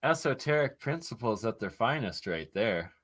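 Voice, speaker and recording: A man's voice: mid-range voice, very animated, normal speed, fairly bright tone. A man co-hosting a casual livestream, welcoming guests and agreeing along. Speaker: livestream co-host.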